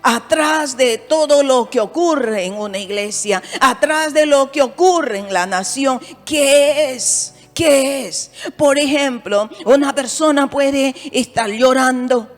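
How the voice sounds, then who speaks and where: High-voiced woman pastor preaching. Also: takes it slowly, hardly any pauses. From Bolivia. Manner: earnest preaching with rhetorical questions. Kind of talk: sermon. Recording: echoey hall with faint music.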